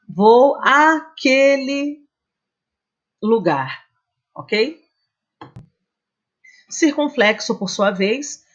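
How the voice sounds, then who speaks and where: A woman teacher walks through a grammar lesson at a very slow, unhurried pace. She explains patiently and checks in with her students as she goes. The recording sounds dull and slightly muffled. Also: medium pitch. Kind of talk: slide-based grammar lesson.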